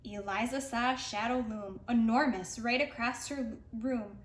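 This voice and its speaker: A woman with a slightly high voice reads a rhyming picture book to preschool kids at an ordinary speed, giving the words lots of expression. She's a read-aloud storyteller, recorded in a roomy space with faint background noise.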